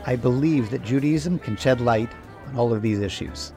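A man hosting a podcast, explaining ideas in an earnest, steady lecture style. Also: mid-range voice, normal speed, creaky, over music. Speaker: podcast host.

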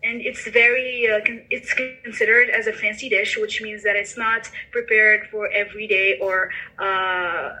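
Bright-voiced woman with a Moroccan accent. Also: medium pitch, little pitch movement, measured pace, hardly any pauses, low-quality recording. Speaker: international student, podcast guest. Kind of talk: conversational interview answers.

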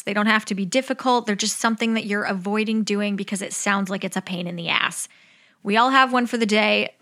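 A woman's voice: mid-range voice, sharp tone. A young adult woman giving upbeat, organised advice like a vlogger, chatty and candid, with casual swearing.

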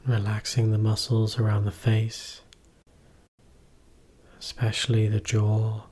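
A man teaches a guided meditation, giving gentle, measured instructions in short phrases separated by pauses. His voice is fairly low in pitch and monotone.

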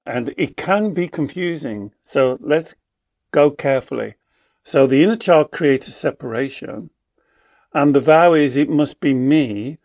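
Male therapist, fairly high voice, explains in conversation, animated storyteller who acts out voices.

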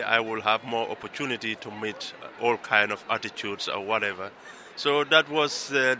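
A man from the Gambia, a former football player, telling his story in a relaxed, thoughtful way. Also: medium pitch, a little hiss or hum.

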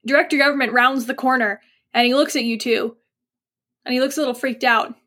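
A woman narrates a tabletop game as its game master. She is chatty, gropes for words and laughs easily, all in a high voice. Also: steady tone, a little fast, a bit bright.

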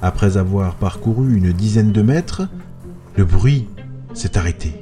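A man narrating a first-person horror story in a hushed, suspenseful way. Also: lowish voice, expressive, measured pace, music in the background.

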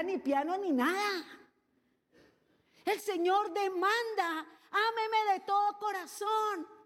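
A woman preaching a sermon, animated and playful, with lively asides and mimicry. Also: extremely high pitch, in a large hall.

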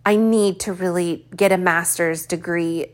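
A woman in her early forties talking candidly in a reflective personal vlog, thinking aloud with pauses and fillers. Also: on the low side, steady tone. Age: 40s. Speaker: vlogger.

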